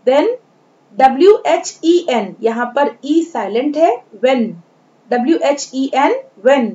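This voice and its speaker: A woman with an Indian accent teaches children how to pronounce English words, spelling each one out and saying it over and over. Her voice sits high and her pace is deliberately slow. The recording is dull and lo-fi. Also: dark tone. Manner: slow, spells words letter by letter and repeats them. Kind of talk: classroom lesson on pronunciation.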